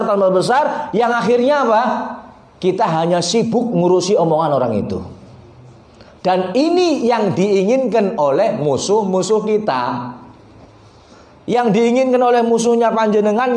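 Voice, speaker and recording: High-voiced preacher with a Tegal accent. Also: male voice. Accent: Tegal Javanese. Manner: animated, mixing in local dialect. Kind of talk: sermon. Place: prayer room. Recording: echoey prayer room.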